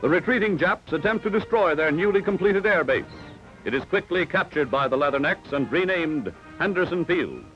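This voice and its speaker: Dramatic and emphatic, a man announces a 1940s newsreel in an animated voice on the high side, at normal speed. The old film soundtrack sounds dull and lo-fi, with loud background music.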